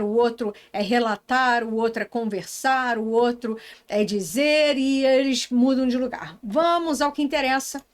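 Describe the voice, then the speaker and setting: A woman from Brazil teaching a casual online English lesson, chatting, talking to herself and reading example sentences slowly. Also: sits high.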